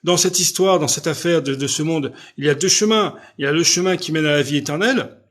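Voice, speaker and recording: Loud, insistent French-speaking preacher. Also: male voice, on the high side, quick pace. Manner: loud, insistent speech with frequent rhetorical checks. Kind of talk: live-stream preaching, answering viewers' questions.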